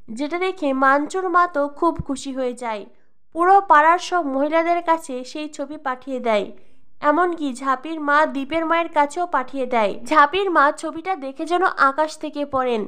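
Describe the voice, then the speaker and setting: High-voiced woman reading a serial recap. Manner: steady storytelling read, quotes lines in the same voice. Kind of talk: read-aloud plot recap narration.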